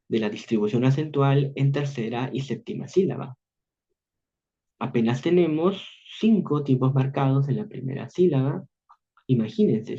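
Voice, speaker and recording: A man with a Peruvian Spanish accent giving an online university literature lecture, measured and repeating phrases as he explains. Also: mid-range voice, mellow, slightly rough. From Peru. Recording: dull lo-fi online class audio.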